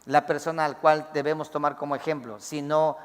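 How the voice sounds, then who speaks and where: A man's voice: on the high side, flat delivery, fairly quick, smooth, big-room sound. A man preaching a sermon as pastor, acting out pleading prayers in a raised voice.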